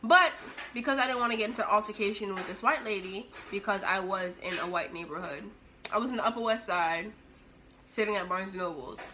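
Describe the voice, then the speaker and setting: A young woman vlogger telling a story in an animated, expressive way, acting out the scene as she goes. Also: mid-range voice, brisk, a little hiss or hum. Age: young adult. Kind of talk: storytime vlog.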